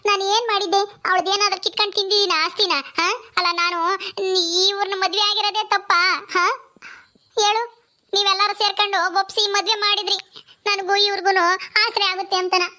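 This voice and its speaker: A woman's voice: very high voice, little pitch movement, brisk, sharp tone. A woman voicing a wronged young village wife who complains plaintively. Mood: aggrieved.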